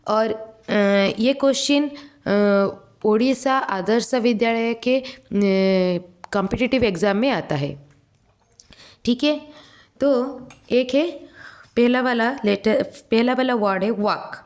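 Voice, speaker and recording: Woman teacher, high voice, slow deliberate lesson pace. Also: a little mellow. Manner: slow, sounds out letters one by one. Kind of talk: exam-prep English lesson.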